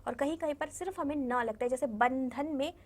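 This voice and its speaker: A woman with a high voice teaches a recorded lesson to small children. She speaks patiently and sounds words out slowly, repeating them. She keeps asking the class questions and answering them herself. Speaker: primary school Hindi teacher.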